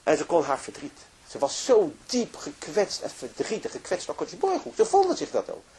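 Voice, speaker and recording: A man's voice: a little high, wildly swooping pitch, moderate pace, darkish tone. A man telling a moving story in a religious lecture, narrating with emotion and frequent restarts. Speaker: religious speaker.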